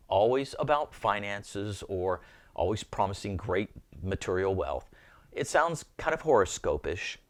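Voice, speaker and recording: Lively low-voiced man teaching faith. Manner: earnest, repeats words while thinking aloud. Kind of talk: informal teaching to camera.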